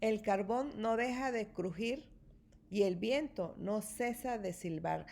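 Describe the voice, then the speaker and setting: A woman reading a children's rhyming picture book aloud with an expressive, rhythmic delivery. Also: medium pitch, takes it slowly, creaky. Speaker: storybook reader.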